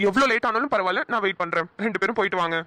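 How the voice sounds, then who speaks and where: Someone doing a cartoon buddy who talks really fast, bright voice, blunt and teasing. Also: mid-range voice, dry recording, natural voice. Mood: kind. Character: Tamil, a helpful young man friend. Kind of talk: cartoon voice acting.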